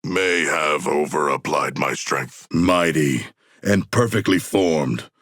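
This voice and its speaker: An actor playing a huge, noble, battle-hungry shark warrior in a video game, speaking in formal, literal-minded, grandiloquent language with a rough gravelly voice. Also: male voice, a bass voice, takes it slowly, fairly bright tone, no echo, clean studio sound, heavily acted. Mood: proud, measured. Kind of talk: video game character voice lines.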